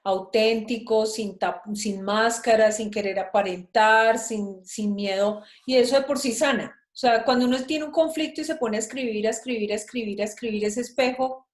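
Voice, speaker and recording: A woman hosting an interview, mostly giving short affirmations and calmly summing up ideas. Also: on the high side, normal speed, few pauses. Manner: brief affirming interjections, reflective summaries. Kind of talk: casual interview chat. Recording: echoey room.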